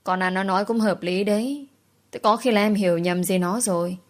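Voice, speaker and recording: A woman's voice: medium pitch, fairly quick, natural voice. A woman voicing a soothing older female co-worker who tries to make peace in a storybook reading. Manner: coaxing.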